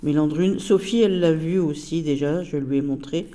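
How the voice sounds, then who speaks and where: A woman's voice: sits low, normal speed, warm tone. A woman casually reviewing a tarot deck, chatty and hesitant with many fillers.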